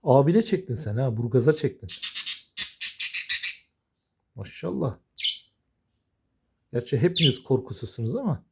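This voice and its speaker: A man's voice: mid-range voice, big pitch swings, unhurried, long pauses, background noise. A man talking affectionately to his pet budgies in casual, coaxing baby talk. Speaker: budgie owner.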